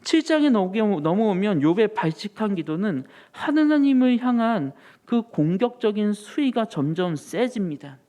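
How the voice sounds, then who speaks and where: A man preaching a sermon as a pastor, earnest and building to emphatic rises in pitch, in a church sanctuary. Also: sing-song, normal speed, few pauses, dark tone.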